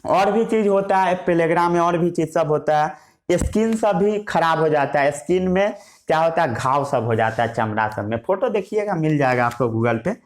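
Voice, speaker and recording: A man teaching a science class, his somewhat high voice rising and falling a lot as he asks questions and answers them himself. He repeats each key term and writes as he talks. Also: animated, moderate pace. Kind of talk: Hindi science lesson with English terms.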